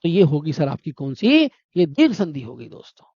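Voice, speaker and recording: A man's voice: a little high, wildly swooping pitch, fairly quick, dark tone, breathy edge, no room sound, highs cut off. A male teacher giving an exam-prep grammar lesson, repeating answers and quizzing the viewer with rhetorical questions.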